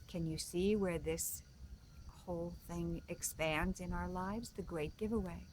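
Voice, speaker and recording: A woman spiritual coach giving a reflective talk, gently repeating key phrases for emphasis. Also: fairly low pitch, fairly even intonation, measured pace, a little hiss or hum.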